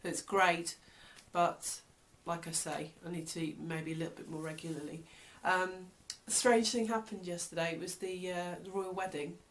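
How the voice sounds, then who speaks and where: Lowish-voiced British woman, reflective. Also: steady tone, normal speed, hardly any pauses, a bit bright, a little hiss or hum. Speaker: vlogger. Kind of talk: casual personal video diary.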